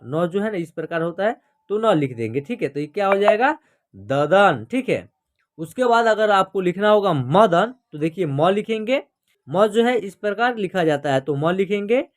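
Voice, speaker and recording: Man, Hindi teacher, patient, repeats each letter, asks the class questions. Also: sits high. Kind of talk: slow classroom instruction.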